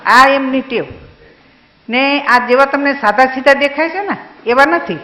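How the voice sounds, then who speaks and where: An older woman giving a personal reminiscence speech about her husband, with a gently humorous storytelling manner. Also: sits high, measured pace, echoey room, rough recording. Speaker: speaker's wife giving a tribute.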